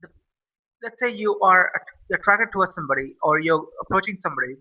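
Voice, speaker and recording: A man's voice: high voice, lively intonation, a little fast, pushed and bright. A man giving a blunt, profane opinion rant, repeating himself as he talks. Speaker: vlogger. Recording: lo-fi and a bit far from the mic.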